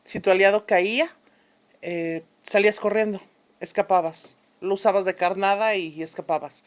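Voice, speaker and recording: Playing an unsentimental historian being interviewed on an invented show, a woman speaks with deliberate authority in a radio drama manner. Her medium-pitched voice is steady and near her everyday sound, and her mood is measured and commanding.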